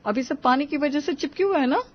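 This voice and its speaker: A woman voicing a kind, motherly neighbor in a cartoon story, gentle and reassuring. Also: high-pitched, fast, dull audio, lightly acted. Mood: kindly. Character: kindly middle-aged female neighbor, motherly.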